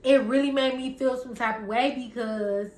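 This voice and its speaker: A woman's voice: fairly high pitch, steady tone, normal speed, darkish tone, echoey room. A woman podcast host, casually recounting gossip in a chatty way, hedging as she retells an argument.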